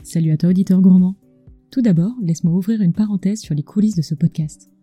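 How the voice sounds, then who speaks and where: A culinary storyteller hosting a scripted podcast speaks intimately close to a screened mic, as if right in the listener's ear. Her lowish, mellow voice moves fast over soft background music, with no room sound.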